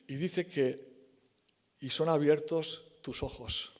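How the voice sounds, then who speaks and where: A man delivering a sermon in a church with a fairly high voice. He speaks emphatically but in a conversational way, often correcting himself and briefly acting out the lines he quotes. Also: takes it slowly, darkish tone. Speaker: preacher.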